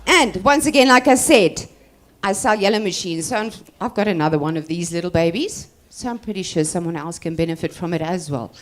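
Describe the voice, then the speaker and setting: A woman's voice: fairly low pitch, lively intonation, fairly quick. A woman working as an auctioneer, presenting lots and calling bids with repeated numbers.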